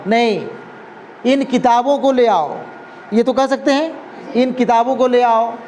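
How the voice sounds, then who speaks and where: A man's voice: very high voice, darkish tone. A man stands before his class. He explains patiently and keeps asking whether the students follow. Faint room noise sits behind him. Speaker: Urdu teacher. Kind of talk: classroom lesson.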